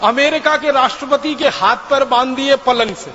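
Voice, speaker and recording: A man's voice: very high voice, normal speed, sharp tone. A man giving a public lecture, telling a story emphatically and repeating phrases for effect. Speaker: speaker lecturing an audience. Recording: dull, lo-fi hall recording with faint noise.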